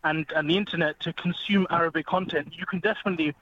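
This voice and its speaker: Over a muffled, faintly hissing phone line, a male radio guest talks fast and at length, earnest and fluent. His voice is fairly high and a bit bright, with fairly even intonation.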